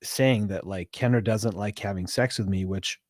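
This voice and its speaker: A man co-hosting a podcast, speaking openly about his marriage in a self-reflective, halting way. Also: on the low side, darkish tone, no room sound, studio quality. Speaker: podcast co-host. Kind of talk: candid casual chat about marriage.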